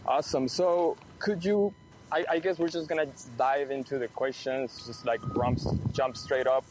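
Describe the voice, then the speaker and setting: A Mexican man hosts a live outdoor radio broadcast near a detention center, with street traffic and background music audible on a low-quality recording. His medium-pitched voice keeps a fairly even intonation at a moderate pace, and he speaks thoughtfully, often restarting his sentences.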